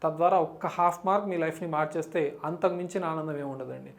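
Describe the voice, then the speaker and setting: A woman with a Telugu accent teaching an exam-prep English lesson, explaining in Telugu mixed with English and reading the questions out slowly. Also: sits low, vocal fry.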